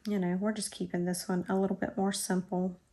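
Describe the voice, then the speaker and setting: A slightly fast, level, mid-range voice with a dark tone carries this casual crafting chat, with a little hiss or hum underneath. The speaker is a middle-aged woman from Florida with a South Georgia drawl who hosts a crafting channel, rambling and self-deprecating as she crafts at her table.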